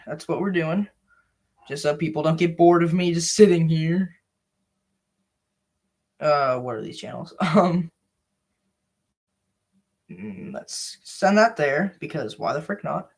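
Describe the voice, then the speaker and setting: A young Southern American man with a fairly high-pitched voice chats casually with live-stream viewers while setting things up. He rambles and uses lots of filler words.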